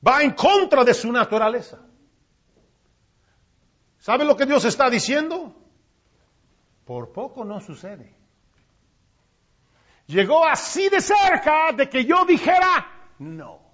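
A man with a very high voice preaches a sermon at a slow, weighty pace. His delivery swings between loud cries and near-whispers. The recording sounds muffled and lo-fi. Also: animated. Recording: dull lo-fi recording.

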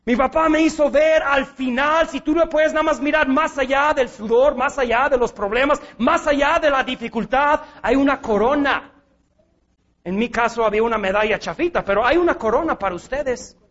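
A man preaching a sermon, emphatic, moving between quiet and shouted lines. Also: very high voice, moderate pace, muffled recording.

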